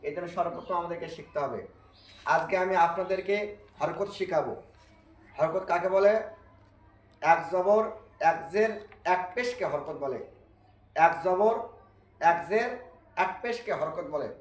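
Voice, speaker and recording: High-voiced man teaching Arabic letters. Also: reverberant, low-quality recording. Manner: repeats drills slowly and patiently, asks and answers own questions. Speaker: Quran teacher. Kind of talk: Arabic reading lesson.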